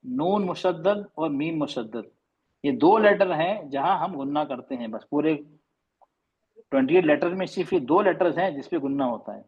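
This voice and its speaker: A man teaching an online class on recitation, patiently stretching and repeating example sounds. His voice sits a little high and sounds husky. The recording is dull and lo-fi. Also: lively intonation. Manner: explains patiently, demonstrates sounds slowly and repeats them. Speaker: tajweed teacher.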